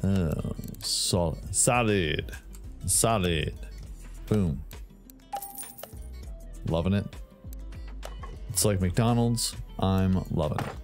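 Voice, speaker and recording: With a low-pitched voice, drawn-out words, and long pauses, a gaming channel host jokes his way through working on a hot rod. He breaks into silly sound effects and little bursts of song while faint game music plays underneath.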